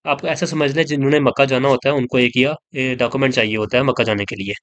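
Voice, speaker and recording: A man's voice: medium pitch, fairly even intonation, fast talker, a bit bright, no room sound. A man from Pakistan, explaining things in a casual vlog, conversational and repetitive, mixing in English words. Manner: conversational, repeats points, mixes in English words. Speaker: vlogger. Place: in Saudi Arabia.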